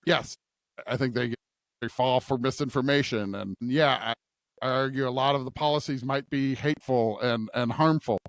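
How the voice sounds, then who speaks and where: With a medium-pitched voice and moderate pace, a man hosts a podcast discussing scripture conversationally. He thinks aloud, frequently adding a questioning "right?", and the studio-quality recording has no room sound.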